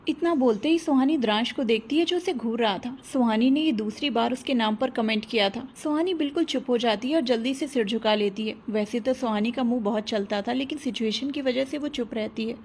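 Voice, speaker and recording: A woman narrating a romance audio serial in a steady storytelling manner, voicing every character herself. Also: fairly high pitch, a little fast, few pauses, breathy edge.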